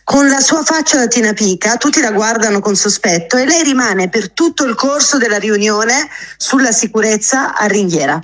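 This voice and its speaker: A woman's voice: fairly high pitch, animated, moderate pace. Woman chatting over a speakerphone. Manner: chatty, laughing, with many fillers and restarts. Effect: heard over a phone on speakerphone. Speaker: phone-in guest. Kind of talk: casual anecdote told on air.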